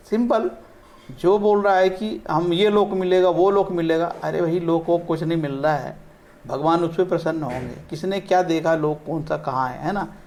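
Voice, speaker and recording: A man teaching in a relaxed conversational way, slowly chanting Sanskrit verses and often checking in with his listeners. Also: high-pitched. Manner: conversational, slips in English words, often says "ठीक है". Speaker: astrologer teaching from scriptures. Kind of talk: casual spoken lesson.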